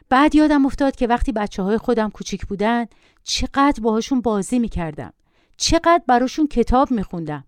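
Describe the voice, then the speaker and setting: A middle-aged woman tells her own story with lively, swinging intonation. Her voice is smooth and clear, recorded close and dry. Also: a little high, no room sound. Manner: expressive, lively first-person telling. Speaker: narrator. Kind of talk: storytelling narration.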